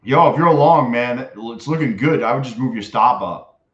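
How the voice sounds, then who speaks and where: Man, frat bro manner, slangy excitable livestream chat, low-ish voice register neutral, roomy echo, dull mic. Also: moderate pace. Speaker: livestream host, day trader. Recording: dull lo-fi mic in echoey room.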